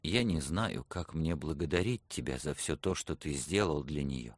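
A man reading as a hoarse grieving young man. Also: rumbling low, lively intonation, normal speed, no room sound, studio quality, full character voice. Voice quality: hoarse, husky.

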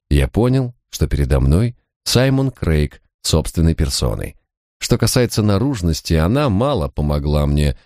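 A man narrates an audiobook in the first person, measured and literary. His voice is very low and deep. The recording is close and completely dry. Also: darkish tone, no room sound.

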